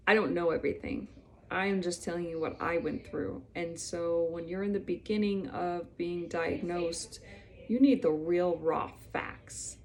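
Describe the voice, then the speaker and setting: A woman's voice: fairly low pitch, steady tone, unhurried, a little mellow. A woman in her thirties telling her own story to camera in a casual, candid way, acting out what people said. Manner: chatty, candid, quotes people in little acted bits. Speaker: vlogger sharing her melanoma story.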